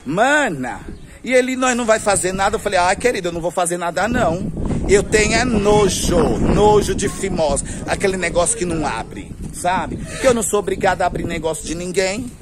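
A man's voice: high-pitched, lively intonation, moderate pace, noisy background. A man with a Brazilian accent telling a story to camera in a flamboyant, gossipy way, laughing often, outdoors on a street. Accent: Brazilian Portuguese. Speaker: vlogger.

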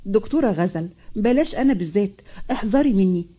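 A woman's voice: medium pitch, expressive, fast, dark tone, lightly acted. A woman voicing a stern Egyptian army officer. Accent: Egyptian Arabic. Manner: curt and warning.

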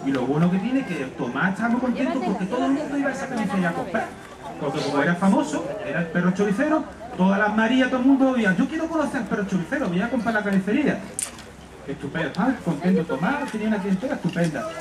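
A storyteller and author from Spain entertains children at a live storytelling session. His fairly high voice bounces up and down in an animated, halting narration full of stops and restarts. He sounds far from the mic in an echoey room, with a crowd murmuring behind him.

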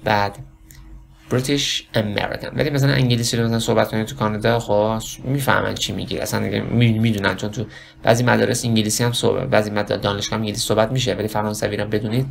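A man with a Persian accent gives a casual spoken lesson on English pronunciation, rambling and correcting himself while he slowly demonstrates words. His voice is lowish, steady, and creaky.

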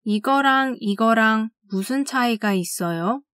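A woman teaching language, reading classroom phrases slowly and carefully and saying each one twice. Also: a little high, a bit bright, no room sound, clean studio sound. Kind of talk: scripted phrase drill.

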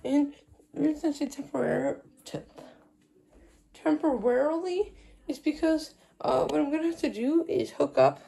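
Speaking at a normal speed in a high, creaky yet mellow voice, a woman hosts a video of her phone system project. She explains informally and off the cuff while handling gear, recorded indoors in a small room with a wooden floor on a handheld phone camera that moves around.

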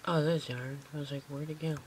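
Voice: mid-range voice, fairly even intonation, fast, noisy background. A gameplay host chatting casually to viewers while playing, recorded on a phone aimed at a screen at home. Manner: chatty, rambling, talks to viewers. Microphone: phone camera pointed at a screen.

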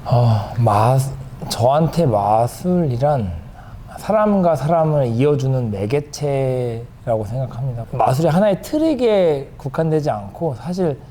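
A man's voice: medium pitch, animated, measured pace, warm tone. A man who works as a magician, talking in an interview. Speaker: magician in a performance troupe. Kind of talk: interview answers. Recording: faint background noise.

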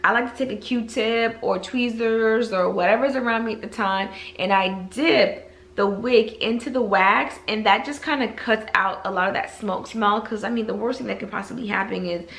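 A woman's voice: medium pitch, moderate pace, vocal fry, a bit bright, a little hiss or hum. A young woman in her twenties, showing off and gushing over candles in a casual home haul video. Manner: gushing, enthusiastic. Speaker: beauty vlogger. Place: living room at home.

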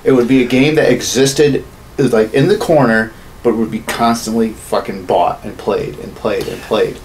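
A fairly low, steady voice at normal speed comes from a man in his thirties co-hosting a podcast. In a small home studio room indoors, he casually rants with profanity about games and movies, captured in a clearly noisy recording.

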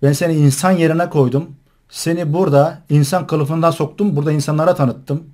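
A man's voice: fairly high pitch, fairly even intonation, brisk, mellow. Man, host, scornful mocking commentary, raised voice. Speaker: online show host. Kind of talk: commentary on a played recording.

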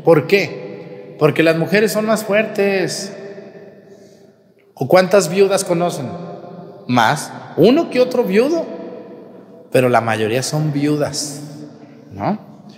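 A man, a priest, giving a lively homily, retelling a Bible story and asking his listeners questions. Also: a little high, slow, pauses often, in a large hall.

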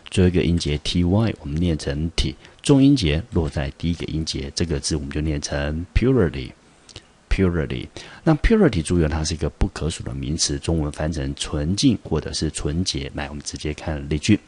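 Low husky-voiced man teaching vocabulary. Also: animated, fairly quick, few pauses, darkish tone. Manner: patient, explanatory, sprinkles fillers like 哎 and 好. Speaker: English teacher. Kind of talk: classroom vocabulary lesson. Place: school video recording.

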